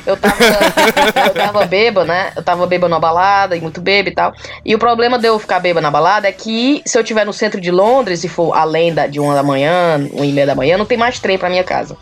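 A woman from Ceará with a Cearense accent, hosting a podcast and telling a story in casual, animated chat. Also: on the low side. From Ceará, Brazil. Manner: animated, laughing, drawn-out storytelling. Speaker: podcast host.

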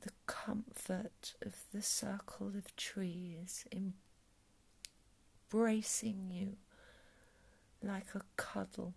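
Whispering woman, very slow. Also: medium pitch, vocal fry, husky. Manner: soft whispering, calm and soothing. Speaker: meditation guide. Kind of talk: guided meditation ASMR.

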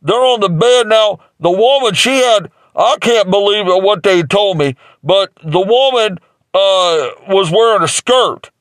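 A man's voice: high voice, measured pace, a bit bright, no echo. A man improvising a rambling mock infomercial as a salesman, with crude jokes and lots of fillers. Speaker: comic playing a mattress salesman.

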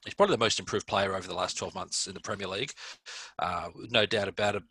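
Male co-host, low bright voice, dry close mic, enthusiastic sports talk. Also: steady tone, fast, husky, no echo. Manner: upbeat, enthusiastic, says "mate". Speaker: podcast co-host. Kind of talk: casual football podcast chat.

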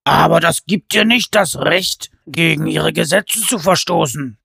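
A man playing a gravelly, stern giant. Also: fairly high pitch, measured pace, pushed and bright, no room sound, clean studio sound, voice pushed up, heavily acted. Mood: scolding. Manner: lecturing, scolding. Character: stern gravelly male giant, bossy older brother.

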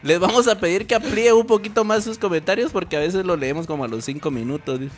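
A man's voice: high-pitched, quick pace. A man with a Guatemalan Spanish accent co-hosting a live online show, chatting casually and joking with slang and frequent laughter. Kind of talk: casual chat.

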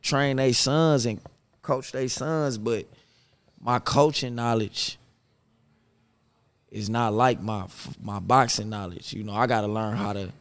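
A 30-something boxer speaks as a podcast interview guest in a medium-pitched voice, at a measured pace with frequent pauses. He is casual, reserved, and even-keeled, with slangy wording, and the recording is dry.

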